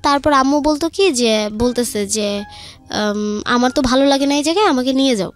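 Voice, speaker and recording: A young woman's brisk, high-sitting voice with a Bangladeshi accent comes over music. Telling her life story as a guest, she speaks colloquially and relays each exchange of who said what.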